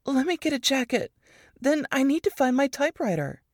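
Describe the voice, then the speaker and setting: A shaken but stubborn young woman talks with raised, tight pitch, as a woman reading the story puts her on. Her lines come steady and determined, in a dry, close reading of a storybook. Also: a little fast, no echo.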